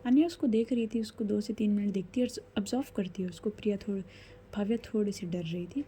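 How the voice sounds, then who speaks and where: A woman's voice: mid-range voice, quick pace, dark tone, slight background noise. A woman storyteller narrating a story casually, conversational and correcting herself as she goes.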